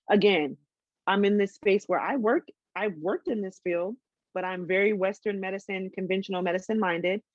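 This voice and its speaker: A woman's voice: medium pitch, a little mellow, no echo, lo-fi sound. A woman in her twenties telling a personal story in a casual interview, candid, with many ums and restarts. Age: 20s.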